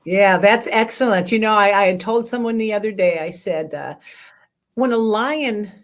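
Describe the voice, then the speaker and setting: Middle-aged woman host, warm affirming encourager, asks her questions slow. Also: mid-range voice. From United States. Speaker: interviewer. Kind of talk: interview.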